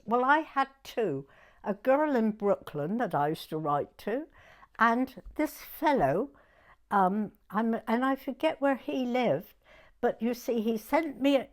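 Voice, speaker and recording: Here an oral history interviewee in her nineties, from Dorset in England, recalls the past in a relaxed interview. She speaks with a southern English accent in a chatty, halting manner, dropping in "you know" often, and her voice is a little high.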